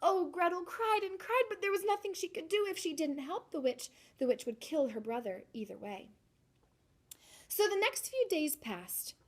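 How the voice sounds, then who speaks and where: A woman teacher narrating a fairy tale aloud, dramatic and animated, with playful asides. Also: extremely high pitch. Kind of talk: storybook read-aloud narration.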